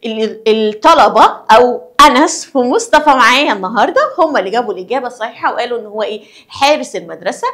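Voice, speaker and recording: A woman's voice: fairly high pitch, expressive, very fast, a bit bright. A woman with an Egyptian accent explaining a school lesson to young children, asking questions and answering them herself. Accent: Egyptian Arabic. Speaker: primary school teacher.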